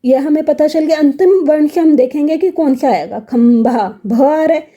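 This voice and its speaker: A woman's voice: high voice, normal speed, mellow, lo-fi sound. A woman teaching a grammar lesson, spelling words out sound by sound and asking questions she then answers herself. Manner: asks the class questions and answers them herself.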